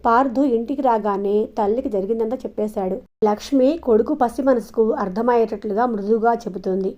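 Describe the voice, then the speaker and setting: A woman narrating an audio novel in a calm, even storytelling manner, in a dull lo-fi recording. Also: a little high, a little fast. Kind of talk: scripted narration.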